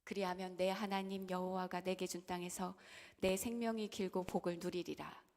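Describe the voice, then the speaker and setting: A young woman pastor delivers an impassioned church sermon. She rises into loud, emotional outbursts, then drops to hushed whispers. She keeps turning to her listeners with direct questions. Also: on the low side, little pitch movement, normal speed. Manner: asks the congregation questions directly.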